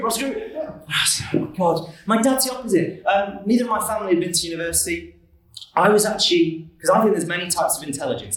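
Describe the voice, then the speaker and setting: Recorded at a distance in an echoey hall, a young Mancunian man entertains an audience with comedic personal stories, poking fun at himself and tossing in quick asides. His voice sits high and has a fairly bright tone.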